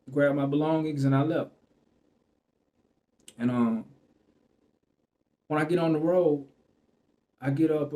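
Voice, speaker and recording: A man's voice: mid-range voice, warm tone. A man telling a personal story to the camera in a loose, rambling way, full of fillers and restarts. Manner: loose and rambling, full of "you know what I'm saying" and fillers; restarts and trails off mid-sentence.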